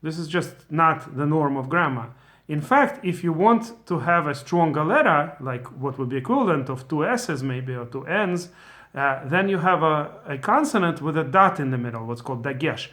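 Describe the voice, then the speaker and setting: Guy w/ as teaching a torah lesson, kinda high voice, lots of uhs and restarts. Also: expressive, normal speed, a bit bright. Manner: explains patiently with many fillers and restarts. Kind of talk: casual spoken lesson.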